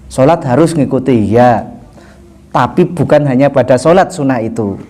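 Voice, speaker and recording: A man teaching a religious lesson in a relaxed, conversational way, with rhetorical questions, frequent chuckles and slowly recited Arabic lines. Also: mid-range voice. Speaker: Islamic teacher. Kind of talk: sermon.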